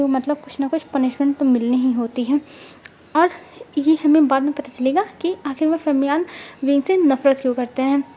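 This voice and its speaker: High-voiced woman retelling a story. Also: dark tone, a little hiss or hum. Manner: conversational, restarts with fillers.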